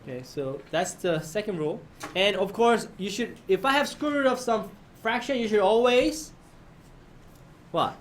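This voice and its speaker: A man's voice: sits high, animated, normal speed, fairly bright tone, slight background noise. A man teaching a math lesson to his class, often prompting students with questions and checking that they follow.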